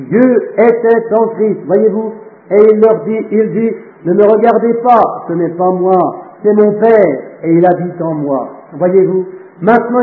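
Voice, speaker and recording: A man preaching a sermon, fervent and slowing down to stress phrases, reading scripture aloud between remarks. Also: high-pitched. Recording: echoey, tinny phone-like audio.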